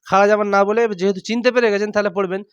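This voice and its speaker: High-voiced man teaching Quran reading. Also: little pitch movement, a bit bright, smooth, no echo, highs cut off. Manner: drills letters aloud and repeats each word slowly. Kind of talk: step-by-step recitation lesson.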